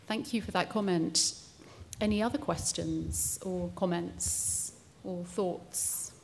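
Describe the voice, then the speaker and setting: A woman moderating a panel's question session, polite and brisk. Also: fairly low pitch, darkish tone. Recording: clear background noise.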